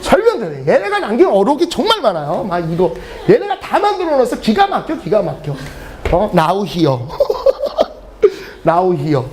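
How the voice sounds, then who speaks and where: Animated, high-pitched male English teacher. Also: measured pace. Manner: animated, joking, often laughing mid-sentence. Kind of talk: lecture with humorous storytelling.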